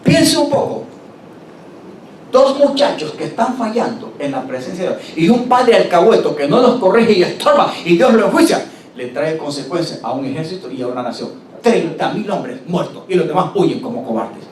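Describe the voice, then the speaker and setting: High-pitched male pastor preaching, miked from far off in a big roomy church, faint rumble behind. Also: very animated. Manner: preaching with call-and-response, slowing to stress scripture. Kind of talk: sermon. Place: church hall.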